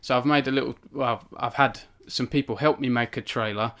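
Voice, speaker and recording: A man's voice: medium pitch, fairly even intonation, a little fast, fairly bright tone. A young man hosting a casual live stream from his home cabin, rambling with many fillers and self-deprecating asides. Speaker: author hosting a book launch stream.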